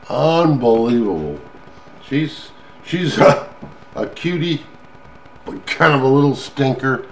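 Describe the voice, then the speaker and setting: An older American man chatting casually in a folksy, halting, rambling way. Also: medium pitch. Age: older, grandfather. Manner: folksy, chuckling, halting delivery. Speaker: vlogger. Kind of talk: rambling casual chat to listeners. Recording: clearly noisy background.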